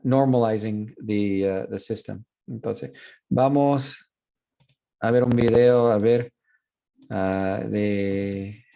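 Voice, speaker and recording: A man with a lowish, gravelly voice speaks very slowly in a muffled recording while teaching a university Spanish class. In a relaxed, explanatory way full of fillers, he explains features of a dialect, mixing Spanish and English.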